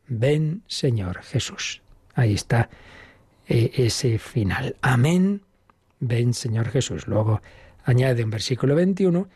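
A man, a priest, giving an unhurried catechism talk and repeating key phrases for emphasis. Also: mid-range voice, warm tone, breathy edge, no room sound.

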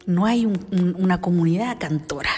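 A middle-aged woman and consecrated singer, telling her life story in an interview with lively storytelling and soft whispered asides. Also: lowish voice, normal speed, slightly rough, in a large hall, faint music behind.

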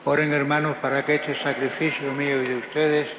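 A man, a priest, intoning the prayers of Mass with a cathedral echo, in a solemn, measured way. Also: on the high side, flat delivery. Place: large church. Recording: tinny phone-like recording of a cathedral with long echo and background noise.

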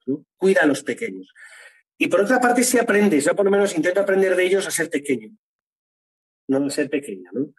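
Husky-voiced man, earnest. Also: on the high side, poor audio. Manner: earnest, tags phrases with "¿no?". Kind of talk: interview, faith testimony.

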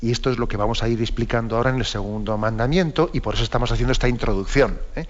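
Guy explaining the faith slowly, keeps tossing in ¿no?, kinda muffled lo-fi audio. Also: mid-range voice. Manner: unhurried, with many "¿no?" asides. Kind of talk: catechetical talk on a program.

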